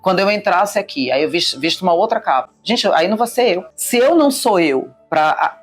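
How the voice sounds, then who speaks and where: A woman's voice: fairly low pitch, expressive, a little fast, soft background music. A middle-aged woman from Salvador, Bahia, a business owner speaking as a guest in a conversational interview, with an expansive, emphatic manner. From Salvador, Bahia, Brazil. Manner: expansive, warm-hearted, emphatic.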